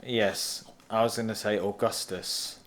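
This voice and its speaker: Male vlogger, dry teasing wit, mid pitch, casual evening chat. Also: normal speed. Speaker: vlogger host. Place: room at night.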